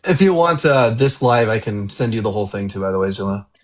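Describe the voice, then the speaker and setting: A man's voice: fairly low pitch, quick pace. Laid-back man hosting a livestream. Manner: relaxed, laid-back, filler-heavy. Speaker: livestream host. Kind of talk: casual livestream chat.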